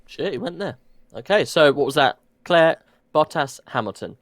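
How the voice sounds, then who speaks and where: A man's voice: a little high, animated, moderate pace, a bit bright, dry recording, studio quality. A man co-hosting a casual racing podcast, jokey and playful, swearing now and then. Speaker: podcast co-host.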